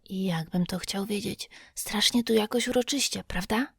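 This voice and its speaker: A scruffy, superstitious boy trembles as he whispers, his breathy voice quavering with fright, as a woman brings him to life in an audiobook. The recording is dry and close, with the whisper sitting right up at the microphone. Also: mid-range voice, normal speed, fairly bright tone, dry recording. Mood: hushed uneasy. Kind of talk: audiobook character voice.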